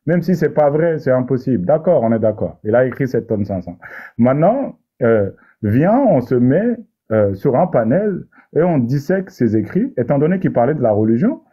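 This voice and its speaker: A man holds forth in a heated online debate, preachy and sarcastic, tripping over and restarting his phrases. His voice sits at a mid pitch, and the audio is dull and lo-fi. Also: sing-song, normal speed, breathy edge. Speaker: debater in an online discussion panel. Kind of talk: heated argumentative monologue.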